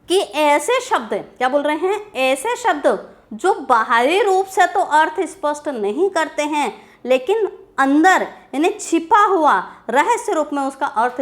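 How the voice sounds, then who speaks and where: A woman with a high voice teaches a grammar lesson. She repeats each key term, poses questions and answers them herself, and slows down to stress definitions. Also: fairly bright tone. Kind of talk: classroom grammar lecture.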